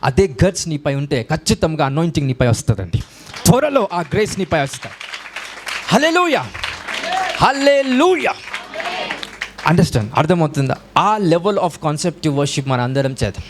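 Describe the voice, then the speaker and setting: A man preaching a sermon as a pastor, breaking into raised shouts of hallelujah. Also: a little high, animated, brisk, crowd noise, noisy background. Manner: preaching in Telugu mixed with English, with rising shouts of hallelujah.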